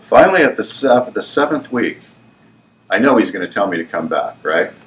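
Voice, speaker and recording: A middle-aged man who owns a salon, telling stories from his career in an animated way, laughing often and asking whether the listener follows. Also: on the low side, moderate pace, a little hiss or hum. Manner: animated, laughing, often asks "you know what I'm saying". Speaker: salon owner and hairdresser. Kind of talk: storytelling in a casual interview.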